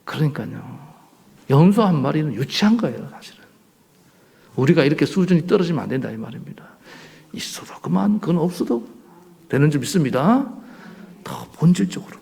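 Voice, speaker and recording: Male pastor, fairly high gravelly voice, lively sermon delivery, church setting. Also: brisk, pauses often. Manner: animated preaching with rhetorical questions to the congregation. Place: church sanctuary.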